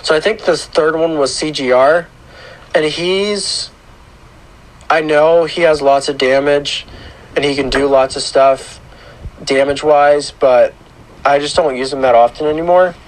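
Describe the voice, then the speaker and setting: Slow-talking man with a hoarse, grating voice. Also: fairly high pitch, poor audio. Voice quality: rough, grating. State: hoarse from a sore throat. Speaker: gaming channel host. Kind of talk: casual video game account tour commentary.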